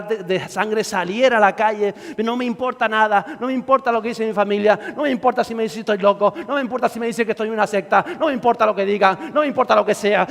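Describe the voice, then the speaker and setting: A male pastor preaches fervently, hammering his points through repetition. His voice sits very high and swells toward shouting. Long reverb rolls through the church hall. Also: vocal fry. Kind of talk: sermon.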